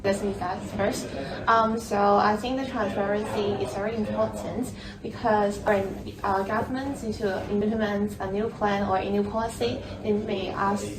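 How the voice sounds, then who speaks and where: A nineteen-year-old woman, a student presenting on a panel and explaining earnestly with some fillers. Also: medium pitch. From Hong Kong. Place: university auditorium. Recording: echoey auditorium, distant mic, noisy.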